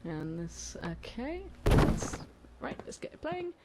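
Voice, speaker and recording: A woman hosting a comic role-play podcast in a dry, deadpan, self-mocking way, with hesitant fillers. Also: lowish voice, takes it slowly, very noisy. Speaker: podcast host.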